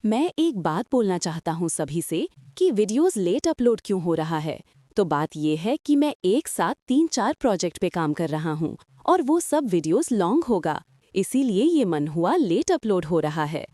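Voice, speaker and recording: A woman's voice: on the low side, big pitch swings, normal speed, dark tone, no room sound, studio quality. A woman giving viewers an apologetic channel update in an explaining tone. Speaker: channel host.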